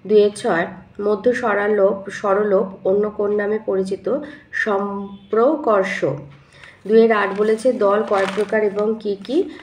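A woman's voice: mid-range voice, steady tone, unhurried, darkish tone. A woman teacher going through exam questions, reading each one aloud and then dictating the answer step by step. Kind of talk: exam answer walkthrough lesson. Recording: echoey room.

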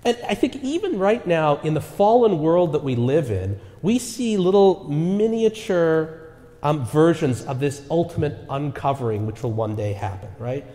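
In an echoey sanctuary with long reverb, a male pastor delivers an earnest sermon at a moderate pace, often tossing in a rhetorical "right?" to engage his congregation. His voice is fairly high and mellow, with big swings in pitch.

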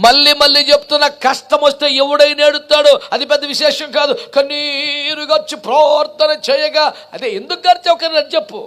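Male pastor, very high voice, fervent sermon delivery with rapid-fire rhetorical questions. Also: little pitch movement, a bit bright. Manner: impassioned, rhetorical preaching with repeated questions.

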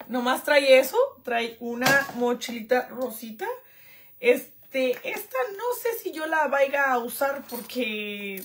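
A woman's voice: high voice, a bit bright, a little hiss or hum. A young woman, chatting casually through a live unboxing and reading out viewer comments. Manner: chatty and self-joking, reads out viewer comments. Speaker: vlogger doing a live unboxing. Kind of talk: casual live-stream chat.

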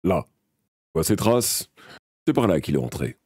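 A stern, steady monster hunter, put on by a male reader, speaking in a very deep, dark voice. His orders come out low and gruff, with a husky edge, calm even in danger. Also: measured pace, no echo, clean studio sound, exaggerated voice. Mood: grave, calm.

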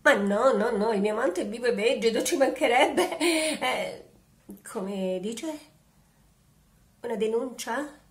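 An actress playing a sly, mock-grieving widow on the phone in a comic home-theater sketch. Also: female voice, on the high side, lively intonation, slow, pauses often, roomy sound. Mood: coy. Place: home, indoors.

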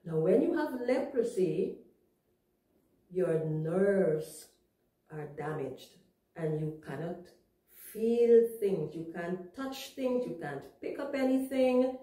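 A woman tells a Bible story to young children at an unhurried pace. She explains in simple words and keeps asking her listeners questions, with a mellow tone. Her voice sounds distant and echoes off the room. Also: lowish voice, expressive. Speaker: Sabbath school teacher. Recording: echoey room, far from mic.

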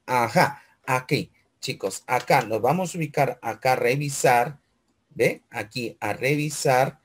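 A man's voice: mid-range voice, a little slow, slight background noise. Male teacher guiding a class. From Peru. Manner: walks through steps aloud, keeps checking with "¿ve?" and "chicos"; asks questions in a student's voice, then answers them. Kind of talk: screen-recorded computer class.

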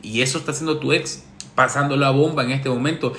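A man's voice: medium pitch, steady tone, fast talker, pushed and bright, reverberant, a little hiss or hum. A relationship coach, a man, reads viewer messages and answers them with sarcastic, teasing advice in a casual monologue.

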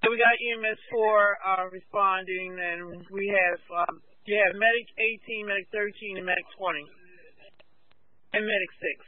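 Male fire dispatcher w/ high voice, terse radio update, thin tinny scanner audio. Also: steady tone, moderate pace, no room sound. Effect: two-way radio.

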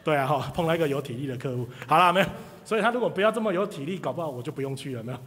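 A man, telling an audience a lively story about his sales career and acting out the people in it. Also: on the high side, rapid-fire. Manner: animated storyteller, acts out quoted people. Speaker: speaker sharing career story. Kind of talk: live motivational talk to an audience. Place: hall with audience. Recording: reverberant hall.

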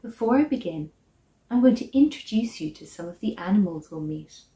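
A young woman telling a children's story and teaching signs, signing while speaking with deliberate phrasing and pauses. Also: medium pitch, expressive, warm tone. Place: small living room, indoors, seated on a sofa. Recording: echoey living room.

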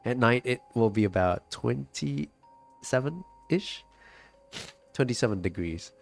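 A man's voice: medium pitch, lively intonation, slow pace, creaky, faint music behind. A sick man with a stuffy, nasal voice and a cough, chatting casually on a live stream and reading out viewer comments. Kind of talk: casual live-stream chat while gaming.

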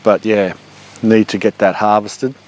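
A man's voice: lowish voice, unhurried, a little hiss or hum. A man in his forties with an Australian accent, casually showing his backyard food garden outdoors while walking, recorded on a handheld camera. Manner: relaxed, chatty explaining while walking. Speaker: homesteading vlogger. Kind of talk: casual garden walk-through. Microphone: handheld action camera.

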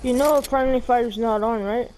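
A woman's voice: a little high, steady tone, moderate pace. A woman chatting casually with a teammate during gameplay, slangy and calling out warnings. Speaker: gamer playing as teammate. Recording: very noisy game audio with gunfire. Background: loud video game gunfire and clicks.

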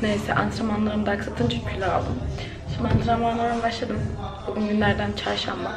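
An eighteen-year-old woman talks to her camera at home in a casual vlog. Her voice sits in a middle pitch but carries a gravelly, creaky edge. She tells stories dramatically, with bursts of exclamation. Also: little pitch movement, a little fast, over loud music. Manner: chatty, dramatic storytelling with exclamations. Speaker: vlogger. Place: at home indoors.

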